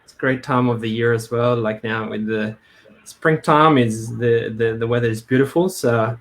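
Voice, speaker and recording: The Brisbane webinar host has a mid-range voice with fairly even intonation at normal speed, and a little hiss or hum is audible. He runs the live stream casually and hesitantly, with many fillers and restarts.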